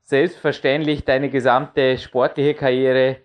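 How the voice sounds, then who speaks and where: A man's voice: mid-range voice, level tone, slow pace. A man hosting a radio interview, asking leading questions and interjecting to clarify points. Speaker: podcast host and interviewer.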